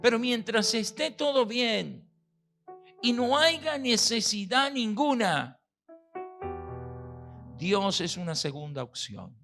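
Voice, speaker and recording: A male pastor delivering a sermon, preaching emphatically with rhetorical questions and pauses. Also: extremely high pitch, animated, sharp tone. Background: piano and keyboard music.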